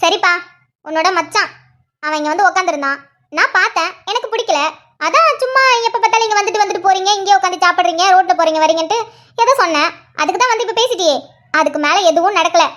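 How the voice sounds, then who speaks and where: A woman's voice: very high voice, a bit bright. A woman voicing a sly, defensive, scheming aunt in a family cartoon. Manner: sly, self-pitying, quick. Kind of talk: cartoon voice acting.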